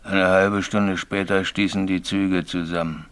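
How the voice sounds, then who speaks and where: An actor playing a frightened railway signalman haunted by a ghost, telling his story haltingly and growing frantic, in a 1980s German radio drama. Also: low-pitched, little pitch movement, a bit bright, clean tone. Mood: haunted, hushed. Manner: tells his tale haltingly, then grows frantic and desperate.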